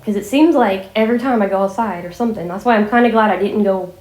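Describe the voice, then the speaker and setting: A woman's voice: mid-range voice, fast talker, darkish tone. A woman talking casually in a rambling, informal vlog style while fighting a cold and a scratchy sore throat. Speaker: vlogger addressing viewers. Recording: echoey room.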